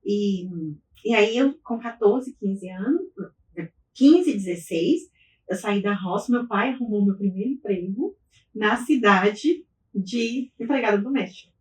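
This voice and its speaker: A woman's voice: mid-range voice, a little slow, darkish tone. A middle-aged woman from Minas Gerais, Brazil, tells her life story as a podcast guest in a chatty, easygoing way, often stopping to restart a phrase. Her voice sits in a middle range and sounds a little distant from the mic. The room around her is echoey. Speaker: guest, business owner. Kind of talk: interview storytelling.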